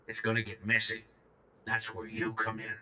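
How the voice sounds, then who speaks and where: Voicing a reprogrammed droid in a video game, this man sounds brash and urgent, slangy, blunt and informal, with a robotic edge. His fairly low voice is bright and forceful, delivered completely flat at normal speed.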